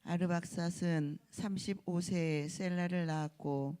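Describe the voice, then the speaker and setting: Mellow, smooth responsive scripture reader. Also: medium pitch, steady tone, a little slow. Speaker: congregant reading responsively.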